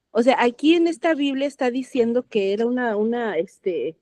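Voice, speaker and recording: Mellow-voiced woman discussing scripture. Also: fairly high pitch, dry recording, muffled recording. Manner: thinks aloud, hesitant fillers, self-corrections. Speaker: reading-circle participant. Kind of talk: Bible study discussion.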